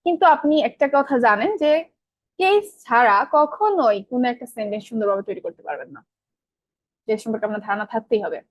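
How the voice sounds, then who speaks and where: A woman's voice: fairly high pitch, lively intonation, quick pace, dry recording, dull audio. A young woman teaching an online grammar class in a casual, colloquial style, often asking her students questions and answering them herself. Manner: colloquial, mixes in English terms.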